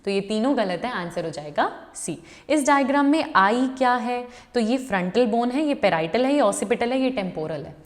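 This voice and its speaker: A woman's voice: on the high side, expressive, moderate pace, few pauses, long reverb tail. A woman teacher giving an exam-prep lecture, walking through each question step by step, repeating the answers and addressing students as her children.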